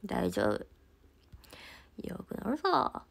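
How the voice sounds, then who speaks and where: A woman's voice: mid-range voice, gravelly, breathy edge. Stuffy-nosed young woman chatting on stream. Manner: relaxed and chatty, with soft murmured asides. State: stuffy nose, congested. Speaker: idol livestreamer. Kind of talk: casual livestream chat answering comments.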